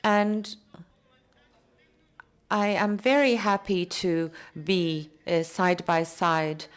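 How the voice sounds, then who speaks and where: A woman giving a simultaneous interpretation of conference speeches into English, measured and halting as she keeps up with the speaker. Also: fairly low pitch, fairly even intonation, clear, resonant tone.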